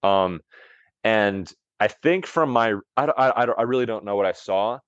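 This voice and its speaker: In a muffled recording with no echo, a man whose voice sits on the low side speaks smoothly and without hurry. He's a longevity coach guesting on a podcast, wandering through a story with plenty of "like" and restarts.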